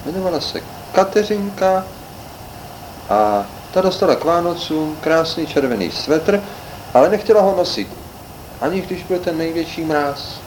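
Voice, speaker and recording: A man reading a children's storybook aloud, expressive and animated. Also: fairly high pitch, a little hiss or hum, low-quality recording.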